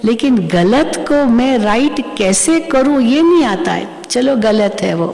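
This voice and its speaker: A woman's voice: a little high, animated, slow, gravelly, a little mellow. A woman spiritual teacher giving a sermon class, telling stories and acting out the voices she quotes, often asking her listeners questions. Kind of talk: murli class sermon with anecdotes. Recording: long hall reverb.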